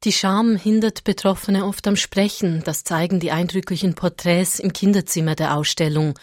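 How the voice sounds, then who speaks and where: Low-voiced female radio reporter. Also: steady tone, normal speed, a little mellow, dry recording, studio quality. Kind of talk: scripted news narration.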